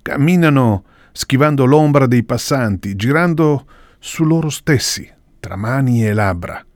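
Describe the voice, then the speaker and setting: Man, expressive literary reading, varied pitch, dry sound. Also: measured pace, no echo. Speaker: reader. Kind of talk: reading literary fiction aloud.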